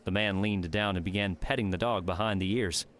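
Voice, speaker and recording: A man narrating an audiobook in steady, even storytelling. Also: deep voice, a little fast. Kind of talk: scripted narration.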